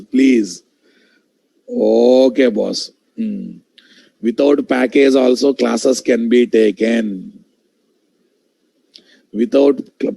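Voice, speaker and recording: A man's voice: medium pitch, vocal fry, mellow, husky, no echo. A man with a Telugu Indian accent teaches a live online programming class, repeating key phrases and often checking in with direct questions to his students. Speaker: programming instructor. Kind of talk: live online coding lesson.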